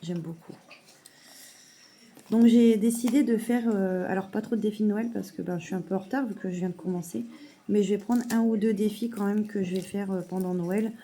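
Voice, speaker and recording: A woman showing a parcel in a casual vlog at home, hesitant with many fillers and softly gushing. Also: medium pitch, fairly even intonation, brisk, a little hiss or hum. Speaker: mother unboxing a parcel of saving challenges. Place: at home at a table.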